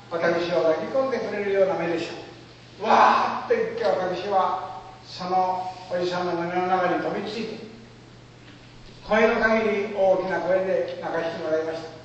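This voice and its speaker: A man with a high, light voice gives a dramatic, formal storytelling speech, pausing for effect. He is picked up from far off in a large hall, with long reverb ringing around him. The sound is a little dull and muffled. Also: a little hiss or hum. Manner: formal oratorical phrasing, emotive pauses. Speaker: speaker.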